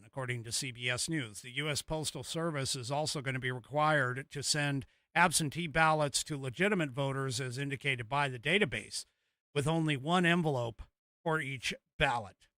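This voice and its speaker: An American man hosting a casual political commentary show, talking haltingly as he thinks aloud and reads out news. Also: medium pitch, sharp tone, dry recording.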